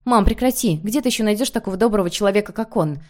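A woman's voice: mid-range voice, racing, natural voice. A woman playing a stubborn exasperated daughter. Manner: curt, firm refusals.

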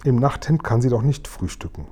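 A man reading aloud, voicing a calm, dignified older queen with a formal, polite manner. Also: medium pitch, brisk, close to an everyday voice. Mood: composed.

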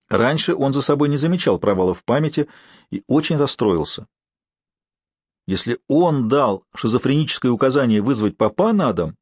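A man reading an audiobook in expressive, measured scripted narration. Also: mid-range voice, dry recording.

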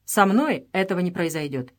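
A woman's voice: on the low side, expressive, moderate pace, close to an everyday voice. A woman reading the lines of a bold young English adventurer in an audiobook, in a firm, resolute voice.

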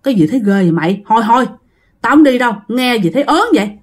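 A woman's voice: fairly high pitch, expressive, rapid-fire. A woman voicing a timid grandfather who refuses to go, with a Southern Vietnamese accent. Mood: scared refusing. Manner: fearful, refusing.

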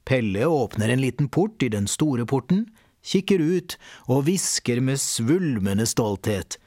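A man's voice: medium pitch, dry recording. Man narrating a children's pirate story. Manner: lively storyteller, voices all the characters. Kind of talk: scripted children's audiobook narration.

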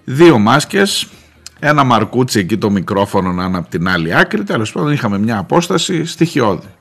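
A man, a journalist, telling a wry anecdote on the radio with lively asides. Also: mid-range voice, gravelly, slightly rough. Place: radio studio.

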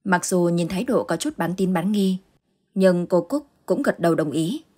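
A woman narrating a ghost story in a measured, suspenseful way. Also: on the low side. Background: soft background music.

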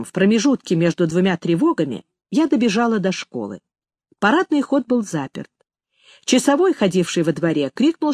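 A woman reading a first-person story aloud in a measured, expressive manner. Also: fairly high pitch, no echo, clean studio sound. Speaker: audiobook narrator. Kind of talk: first-person literary narration.

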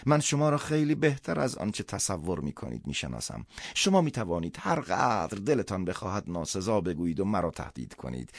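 A man's voice: mid-range voice, no room sound, clean studio sound, pitched above the performer's own voice. A man voicing an imploring, apologetic man on the phone in a storybook reading.

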